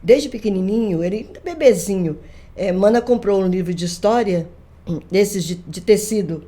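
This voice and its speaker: An older woman, a grandmother, chatting on a podcast and retelling family stories with lively quoted voices. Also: mid-range voice, moderate pace. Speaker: guest, folklorist. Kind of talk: casual storytelling conversation.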